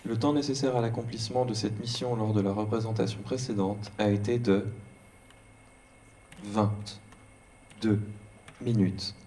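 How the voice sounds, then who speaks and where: A male-sounding synthetic robot voice acting as a guide to a stage performance, speaking in slow, choppy, word-by-word fragments. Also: fairly low pitch, fairly even intonation, warm tone. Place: performance hall. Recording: distant voice with faint room noise.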